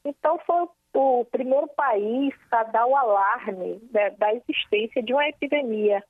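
A woman's voice: on the high side, a little slow, dry recording. A woman, a history professor, explaining in an interview with many hesitant fillers. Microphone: telephone. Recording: tinny dry phone line.

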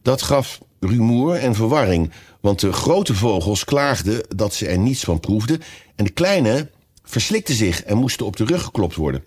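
A man reading a children's story aloud as narrator, with expressive storytelling. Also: lowish voice, normal speed, husky. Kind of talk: audiobook reading.

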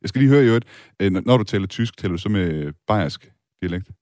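A man's voice: lowish voice, lively intonation, darkish tone, dry recording, studio quality. A man hosting a podcast, asking his guests curious questions. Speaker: podcast host. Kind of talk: interviewing guests.

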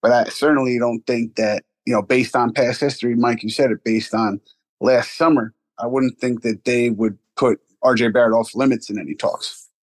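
A man in casual sports talk who reports in a measured way on what his sources say. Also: medium pitch, fairly even intonation, dry recording, low-quality recording.

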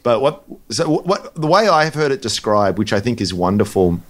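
A man co-hosting a casual podcast chat, talking in animated bursts with mocking asides and frequent restarts. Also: mid-range voice, moderate pace. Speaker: podcast co-host, crypto commentator.

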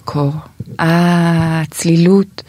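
Woman guest, kinda low voice, slow and searching for words, dry close mic. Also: steady tone, darkish tone, dry recording. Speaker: podcast guest. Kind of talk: casual chat.

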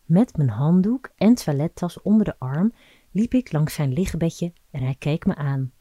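A woman reading a scripted erotic story aloud in an intimate, measured storytelling manner. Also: deep voice, animated, mellow, no room sound. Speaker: narrator.

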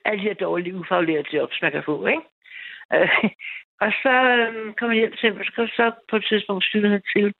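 A woman's voice: mid-range voice, fairly even intonation, creaky. A woman in her fifties telling a long personal story on a call-in radio show, rambling, with many restarts and fillers. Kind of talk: casual phone-in storytelling. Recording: tinny phone line, dry.

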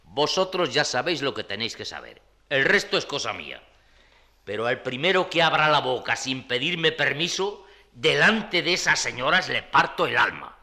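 An actor with a Spanish accent playing a bossy, exasperated small-time gang leader in a comedy, commanding and irritable. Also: male voice, mid-range voice, big pitch swings, moderate pace, vocal fry, sharp tone, heavily acted. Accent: Spain.

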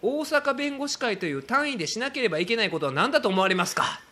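A man with a Kansai accent, hosting a podcast in casual talk, animated and quick to laugh while he quotes others. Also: very high-pitched. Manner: animated storytelling, laughing often, quoting others. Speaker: podcast host.

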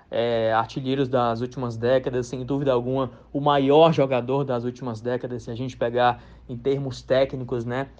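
A man's voice: mid-range voice, a little mellow, lo-fi sound. A man, a sports editor telling football history with emphatic enthusiasm. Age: 30s. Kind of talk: sports commentary insert.

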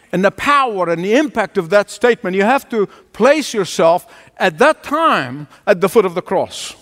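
A man's voice: sits high, a bit bright, long reverb tail. A man preaching a sermon as pastor, emphatic and driving home points through repetition. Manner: emphatic preaching with repeated phrases.

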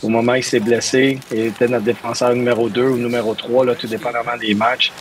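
A Montreal man with a Quebec French accent answers interview questions as a hockey coach, hesitating and repeating words while he hunts for them. His voice is mid-range, his delivery flat, and he talks fast.

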